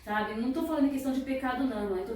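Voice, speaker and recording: A woman's voice: sits high, very fast, darkish tone, a little hiss or hum. A woman leading worship in church, singing hymns and fervently exhorting the congregation, breaking into tongues. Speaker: worship leader. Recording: echoey church hall from far off.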